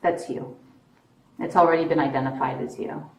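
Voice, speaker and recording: A woman police officer questioning a suspect in a measured, persistent, probing way. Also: deep voice, fairly even intonation, a little mellow. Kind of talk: interrogation, calm questioning. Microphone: police bodycam. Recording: echoey, distant body camera audio with noise.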